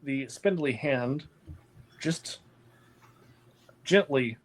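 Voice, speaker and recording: A man narrating an improvised tabletop game as game master, descriptive and deliberate. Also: medium pitch, lively intonation, a little hiss or hum.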